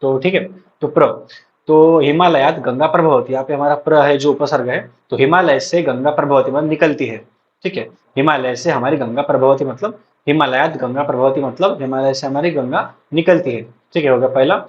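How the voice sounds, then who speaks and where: A man's voice: mid-range voice, moderate pace. A young man lecturing for an exam-prep lesson, drilling terms aloud for students to repeat and often checking in with them. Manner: frequent check-ins to students. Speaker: ayurveda college lecturer. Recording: dull lo-fi recording.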